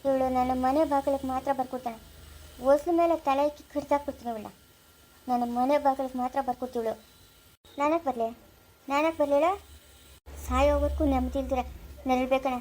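A woman with a rural Chikkaballapura Kannada accent playing a bitter village woman who shouts and scolds in a family feud. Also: high voice, steady tone, a little fast, long pauses. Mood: bitter ranting.

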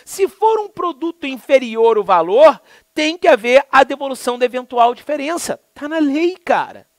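A man with a Brazilian Portuguese accent teaching a law lesson in a lively, colloquial way, full of anecdotes and acted-out dialogue. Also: moderate pace, no room sound. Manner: lively, colloquial, acts out dialogue with swings in pitch. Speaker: law lecturer.

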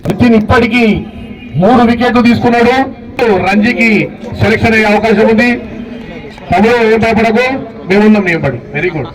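Distant outdoor recording, male cricket commentator, high voice, Telangana Telugu accent, informal, chatty, live amateur match calling. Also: a little fast, pauses often. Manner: informal, chatty, addresses players directly. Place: outdoors at a local cricket ground. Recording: distant outdoor sound from the mic.

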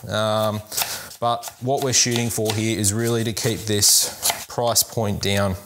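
A man's voice: on the low side, little pitch movement, takes it slowly. A young man hosting a cooking lesson in a home kitchen, chatting casually and upbeat to viewers while he chops vegetables. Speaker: cooking show host, sports dietitian. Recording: kitchen clatter and chopping noise. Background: knife chopping on board, dishes clinking.

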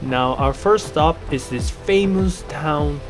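A man's voice: fairly high pitch, slow pace. A young man narrating his sailing trip for a travel vlog in an easygoing, upbeat way. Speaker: travel vlogger. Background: background music.

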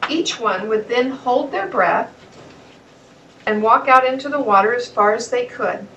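A woman reading a children's storybook aloud in a plain, steady way. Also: a little high, measured pace, distant mic, lo-fi sound, a little hiss or hum. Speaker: narrator.

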